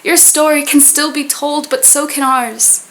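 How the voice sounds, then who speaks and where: A woman performing spoken word poetry in an earnest manner, with deliberate, poetic phrasing. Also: high-pitched, steady tone, a bit bright.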